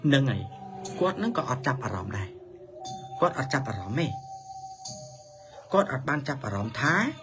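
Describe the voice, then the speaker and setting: A man narrates a children's story with a mid-pitched voice, swinging between high and low tones to bring it alive. Clear music plays beneath him the whole way through. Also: sing-song, moderate pace, long pauses.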